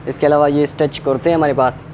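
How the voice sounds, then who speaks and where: A man's voice: on the high side, flat delivery, quick pace, a little mellow. A man with a Pakistani accent working as a shop seller, listing stock and prices in a repetitive, unscripted sales presentation. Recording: clear background noise.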